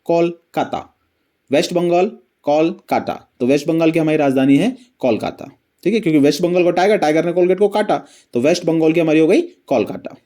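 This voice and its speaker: A male teacher a slightly high but soft, mellow voice explains geography through memory-trick stories. He quizzes his viewers again and again and then answers for them, speaking in in. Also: fairly quick. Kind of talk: animated mnemonic geography lesson.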